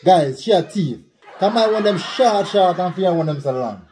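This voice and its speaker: A man's voice: high voice, animated, moderate pace, a little mellow, faint music behind. A man in his thirties with a Jamaican accent and a heavy voice, bantering casually in a challenge game at home. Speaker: couple vlogger playing a challenge game. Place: home room, indoors.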